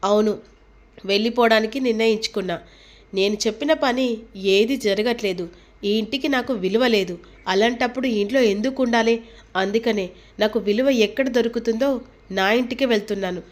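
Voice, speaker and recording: A woman's voice: a little high, fairly quick, natural voice. A woman reading the lines of a stubborn older man who is threatening to leave home, in an indignant, complaining tone. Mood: aggrieved.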